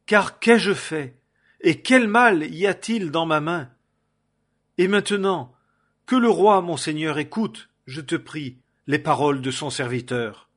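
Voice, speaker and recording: A man's voice: medium pitch, fairly even intonation, measured pace, hardly any pauses, fairly bright tone. A man voicing a young male warrior, declaiming in a raised voice. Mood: pleading.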